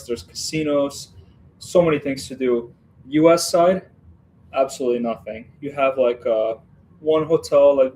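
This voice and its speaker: A man's voice: medium pitch, warm tone, a little hiss or hum, rough recording. A man from Western Ukraine hosting a casual building livestream, chatting and rambling with viewers as he works. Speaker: livestream host building a model set.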